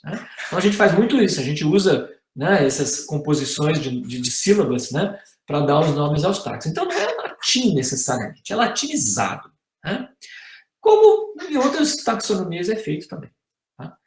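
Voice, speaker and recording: A middle-aged man with a Brazilian Portuguese accent lectures at a university as a guest professor, walking through ideas step by step and closing many sentences with "né?" or "tá?". His fairly high voice swings widely in pitch at a normal speed, and the room is reverberant.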